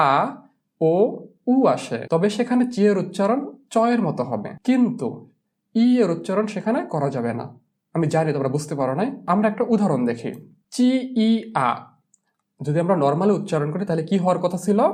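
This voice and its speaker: A teacher whose first language is Bengali, giving a pronunciation lesson. The teacher spells out letters and repeats words slowly, then poses questions and answers them. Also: mid-range voice, darkish tone. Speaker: Italian teacher.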